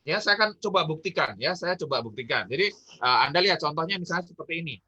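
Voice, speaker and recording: A man from Indonesia delivers an informal talk as a business trainer, his voice bright and somewhat high. He fills pauses with short fillers and keeps checking in with his audience. The recording sounds dull and lo-fi. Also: lively intonation, husky. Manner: chatty, peppered with "ya" and "gitu kan"; asks the audience questions. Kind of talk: casual online talk on communication.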